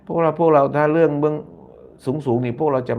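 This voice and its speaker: A man's voice: a little high, fairly even intonation, quick pace, phone-quality sound. Repetitive, chatty man on a live stream. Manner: repeats phrases, ends lines with polite particles; reads viewer comments aloud. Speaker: YouTube channel host. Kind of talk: casual live-stream commentary.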